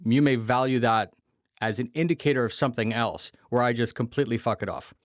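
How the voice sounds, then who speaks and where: A man's voice: mid-range voice, brisk, no room sound. Man, podcast guest, casual chat, blunt, swears, dry close mic. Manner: blunt, laughs easily, swears. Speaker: guest content creator.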